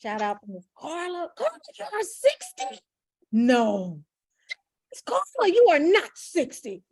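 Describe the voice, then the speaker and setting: A woman's voice: high-pitched, huge pitch swings, measured pace, darkish tone, no room sound, studio quality. A woman hosting a casual group video call, chatty and encouraging, calling out participants by name. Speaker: host of a hair care video call.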